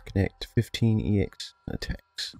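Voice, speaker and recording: Slow, playful gaming man, swearing freely. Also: on the low side, lively intonation, gravelly, warm tone. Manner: playful, swears often, laughs, taunts game characters. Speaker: let's play host. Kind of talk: casual gameplay commentary. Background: faint game music.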